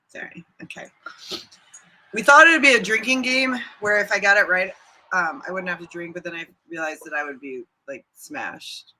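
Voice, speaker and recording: A woman's voice: fairly low pitch, normal speed, pushed and bright, poor audio. A woman co-hosting a casual livestream chat, giggly and playfully teasing. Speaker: co-host.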